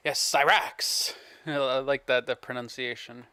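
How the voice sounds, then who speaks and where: A male stream host making sarcastic, deadpan comments on a clip. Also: medium pitch, normal speed, slight background noise. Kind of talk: mocking commentary.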